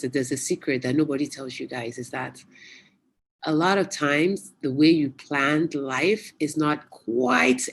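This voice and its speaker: Casual motivational talk, animated storytelling, video call audio. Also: medium pitch. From United States. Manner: chatty, animated storyteller with local exclamations. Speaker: guest speaker at youth webinar.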